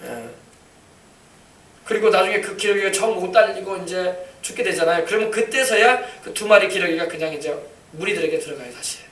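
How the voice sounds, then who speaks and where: A man's voice: high-pitched, brisk, a bit bright. A man preaching a sermon as a pastor, emphatic and repetitive, drawing responses from the congregation. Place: church sanctuary. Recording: echoey church, mic far off.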